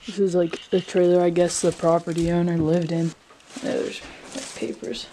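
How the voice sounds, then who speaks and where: A young woman with a fairly low, level voice vlogs at a normal speed while exploring an abandoned amusement park, both indoors and outside in the woods. She chats casually, trails off with fillers and drops into hushed asides. The poor-quality handheld-camera recording carries loud background noise.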